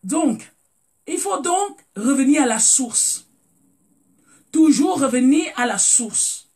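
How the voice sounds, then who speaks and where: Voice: high-pitched, lively intonation, takes it slowly, mellow. A speaker from Cameroon with a Cameroonian French accent, hosting a casual live talk, repeating words while searching for them and greeting viewers by name. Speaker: live stream host.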